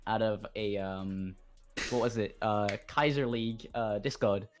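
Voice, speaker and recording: A man co-hosting a casual gaming podcast, telling stories in an animated way and swearing freely. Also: fairly low pitch, unhurried, faint music behind.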